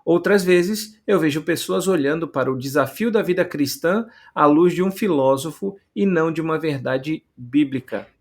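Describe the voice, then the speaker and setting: A man's voice: a little high, moderate pace, hardly any pauses. A man hosting a casual podcast, reading listener comments aloud and adding joking asides. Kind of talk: casual theological podcast chat.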